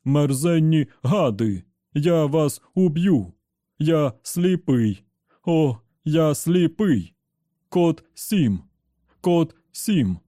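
A man voicing an enraged, blinded male servant robot who shouts slow, drawn-out threats. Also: a little high, expressive, no room sound, studio quality, pitched above the performer's own voice. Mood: furious.

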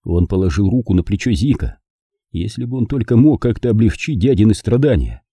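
A man narrating an audiobook in a measured, dramatic reading. His tone is mellow and husky, moving expressively in pitch. The sound is dry and close. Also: expressive, dry recording. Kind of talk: scripted narration.

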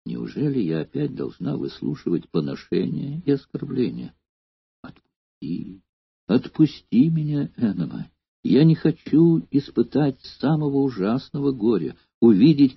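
A man's voice: medium pitch, creaky, husky, no echo, full character voice. A man voicing a young female courtesan who pleads and feigns tenderness, in an audiobook reading. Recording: dull lo-fi dry recording.

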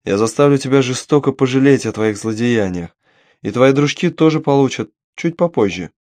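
A man's voice: mid-range voice, lively intonation, normal speed, a little mellow, no room sound, natural voice. A man voicing a furious, vengeful young demoness noblewoman who speaks with spite and menace. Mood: angry, gloating.

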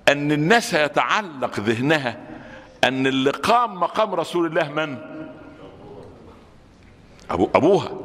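Egyptian man preaching at a brisk clip, animated, colloquial, long hall reverb. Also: mid-range voice. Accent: Egyptian Arabic. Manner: colloquial and animated, rising to sudden shouts. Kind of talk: Friday sermon.

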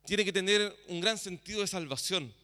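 A man's voice: high voice, moderate pace, sharp tone. A man giving a sermon in a church hall, speaking informally with many fillers and often asking "¿ya?" to check that the congregation is following. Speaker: worship leader.

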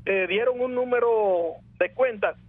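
A man's voice: sits high, unhurried, dry recording. A man with a Venezuelan accent, calling in over the phone to a radio show and earnestly voicing a neighborhood complaint. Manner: earnest, keeps saying "oye" and "hermano". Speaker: caller. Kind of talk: call-in complaint. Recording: dry, tinny phone line.

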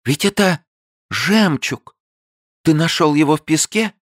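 A shrill, plaintive young actress, easily frightened and prone to whining, voiced by a man reading the story. Her voice climbs far above the reader's own deep register. The recording is dry and close, with no room sound. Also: lively intonation, unhurried, no echo. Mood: excited.

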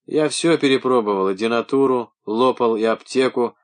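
A man reading an audiobook voices a rough, belligerent young village husband who shouts crude threats. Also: medium pitch, normal speed, close to an everyday voice. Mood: grumbling.

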